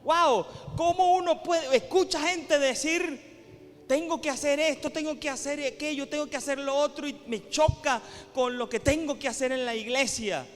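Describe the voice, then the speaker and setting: High-voiced preaching man in a reverberant church. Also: normal speed. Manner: impassioned preaching, repeats phrases for emphasis. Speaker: pastor. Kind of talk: sermon. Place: church sanctuary.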